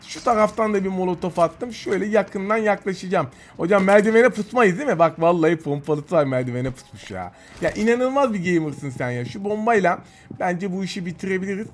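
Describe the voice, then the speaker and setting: A man commentating his own mobile shooter match, excitable and taunting his opponents, with bursts of yelling. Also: high-pitched, slight background noise. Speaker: mobile game YouTuber. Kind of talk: gameplay commentary.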